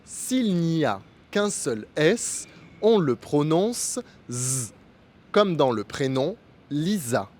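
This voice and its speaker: A man teaching pronunciation in a slow, scripted lesson, articulating each sound with care. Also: on the high side, sing-song, darkish tone. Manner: careful, deliberate articulation. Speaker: French teacher.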